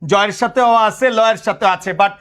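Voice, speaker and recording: A man's voice: high voice, fairly even intonation, normal speed, fairly bright tone, clean tone. A man, teaching a lecture and quizzing students with repeated questions. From Bangladesh.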